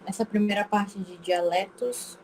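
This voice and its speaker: A woman's voice: medium pitch, fairly even intonation, a little slow, a little mellow, slight background noise. A woman teacher with an Acre Brazilian accent, giving a remote class lecture in a chatty way and constantly checking in with her students. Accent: Acre Brazilian Portuguese.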